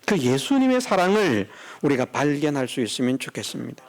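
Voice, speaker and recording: A man preaching a sermon as pastor, animated and acting out quoted voices. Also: medium pitch, fairly quick.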